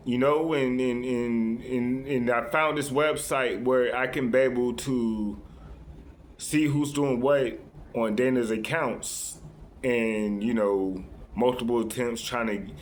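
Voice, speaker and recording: Earnest rambling man, mid-pitched. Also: a little hiss or hum. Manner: rambling, many restarts and "right?" tags; earnest, confiding. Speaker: vlogger addressing his viewers. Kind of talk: casual unscripted monologue.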